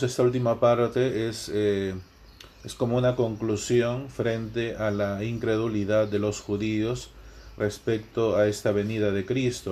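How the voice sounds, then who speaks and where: Low, mellow-voiced man preaching as priest. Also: slight background noise. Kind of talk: liturgical gospel reading and homily.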